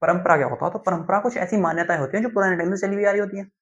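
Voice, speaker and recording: A young man, teaching a class lesson slowly and deliberately, often checking in with his students. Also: high voice. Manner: slow, deliberate explaining with frequent "theek hai" check-ins. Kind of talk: classroom lecture. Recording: dull lo-fi sound.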